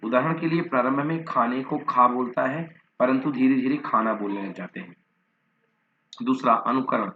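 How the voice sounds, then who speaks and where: A man's voice: mid-range voice, normal speed, slight background noise. A male teacher gives a lecture, working through his notes point by point. He lists terms one after another and now and then repeats or corrects a word. His voice sits in a middle range, and the recording sounds dull and lo-fi. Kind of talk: Hindi lecture reading from notes.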